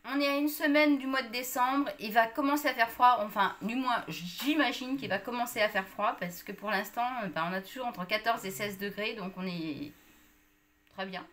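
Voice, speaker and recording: A woman's voice: on the high side, normal speed, fairly bright tone. A woman chatting casually to viewers about a shopping haul, with many fillers. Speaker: vlogger.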